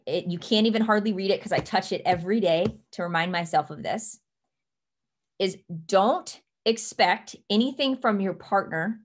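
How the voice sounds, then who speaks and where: An earnest young woman speaks to her team over a computer webcam from a home office. Her voice sits at a middle pitch, and she gets emphatic, slowing right down to stress her key points. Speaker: team leader. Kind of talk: motivational coaching talk.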